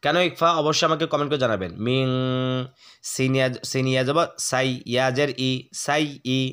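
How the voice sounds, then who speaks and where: A man with a smooth, resonant voice teaches Quran recitation. He breaks each word into its letters, then chants the whole phrase slowly and stretched out. He speaks at a middle pitch, close to the mic. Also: fairly even intonation, fairly bright tone. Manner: breaks words into letter-by-letter drills, then recites them drawn out.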